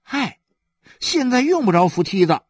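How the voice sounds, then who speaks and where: A man voicing a stubborn yet devoted young boy who calls out loudly and quickly, well above his own pitch. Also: big pitch swings, slightly rough, no echo, clean studio sound, exaggerated voice. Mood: impatient.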